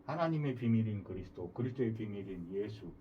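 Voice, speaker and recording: A man's voice: lowish voice, lively intonation, fast talker, recorded from a distance, dull audio, a little hiss or hum. A man preaching a sermon, emphatic and full of rhetorical questions to the congregation.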